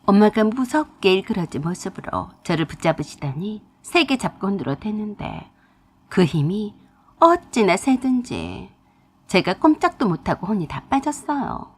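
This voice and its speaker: A woman narrates a first-person family story in a confiding, emotional way. Her voice is husky, with a wide, lively pitch range. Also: moderate pace.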